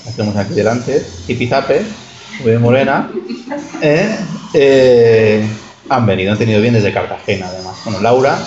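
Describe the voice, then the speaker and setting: A man from hosting an informal interview, halting and repeating phrases as he introduces his guests. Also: medium pitch. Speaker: radio show host. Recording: echoey, muffled, loud music behind.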